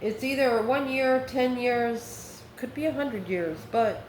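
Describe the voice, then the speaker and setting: A woman reads tarot cards casually to camera, her manner mystical and her words aimed affectionately at the listener as host. She speaks slowly in a slightly high, a little mellow voice, and the echoey room carries a clearly noisy background.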